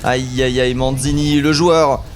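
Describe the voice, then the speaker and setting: A man doing live esports commentary as a caster, with excitable, exclaiming play-by-play. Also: mid-range voice, measured pace, soft background music.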